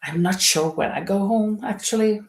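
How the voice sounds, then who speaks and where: Against a noisy background, a woman from Norway chats at normal speed with a medium-pitched voice. She's hosting a laid-back knitting livestream from a holiday home, reading viewer comments aloud in a wandering, hesitant manner.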